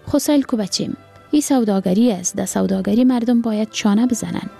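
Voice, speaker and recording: Woman doing an old Afghan banana seller, gentle and patient, gravelly. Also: medium pitch, soft background music. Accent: Afghan Dari. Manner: gentle, lecturing, then hawking loudly.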